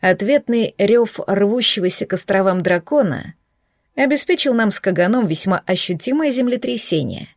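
A woman reading first-person fantasy narration in a lively, wry, expressive way. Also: mid-range voice, moderate pace, dry recording, clean studio sound. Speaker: audiobook narrator.

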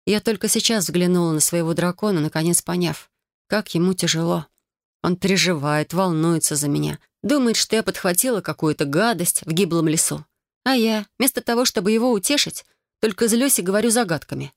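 Brief: woman audiobook narrator, lowish voice, dry close recording. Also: a little fast, dry recording. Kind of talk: first-person audiobook narration.

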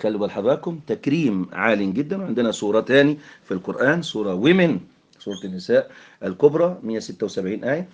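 A man with an Egyptian accent teaching English grammar in Arabic, mixing in English terms and filling pauses with "aah". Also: lowish voice, sing-song, slightly rough, muffled recording. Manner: explanatory, mixes English terms, frequent fillers.

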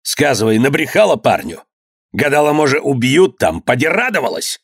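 Guy doing a raging old merchant dad, yells and scolds, old-timey talk, dry close sound. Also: medium pitch, sing-song, moderate pace, slightly rough, dry recording, voice pushed up, full character voice. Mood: furious. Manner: shouting, scolding, old-fashioned speech. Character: old man, wrathful, domineering merchant father.

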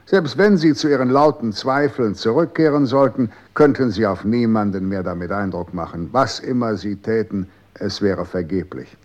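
An actor playing a cold, condescending official in a 1960s radio drama, calm and authoritative. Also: male voice, fairly low pitch, moderate pace, hardly any pauses, dull audio, close to an everyday voice.

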